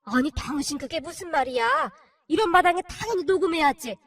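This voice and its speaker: A woman voicing a caring, worried elderly mother-in-law who speaks in anxious, hushing tones. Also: very high voice, expressive, brisk, vocal fry, exaggerated voice.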